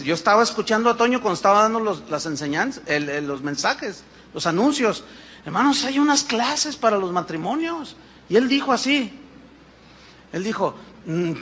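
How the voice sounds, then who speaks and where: Pastor, 50s, man, high bright voice, animated sermon delivery, faint background noise. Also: slightly rough. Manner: animated preaching with acted-out dialogues and rhetorical questions.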